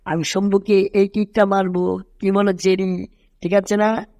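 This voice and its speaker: A wailing, boastful-then-scared cartoon cat, voiced by a man in a high, raised voice. The recording is close and completely dry. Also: little pitch movement, normal speed, darkish tone, dry recording. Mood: eager. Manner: wails and yelps when hurt. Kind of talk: fan cartoon dub.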